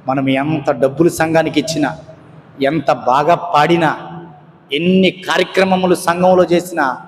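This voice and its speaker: Pastor, male, fervent sermon with rhetorical questions, higher voice, echoey church hall. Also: a little hiss or hum. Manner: preaching with rhetorical questions, swinging between raised and hushed delivery.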